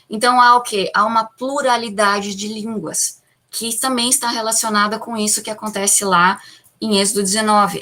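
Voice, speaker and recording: A Brazilian woman with a mid-range, sharp-toned voice teaches a Bible lesson to a class in a Brazilian Portuguese accent. She explains patiently, poses questions to the students and answers them herself, and keeps tagging her sentences with little checks like "tá?" and "né?".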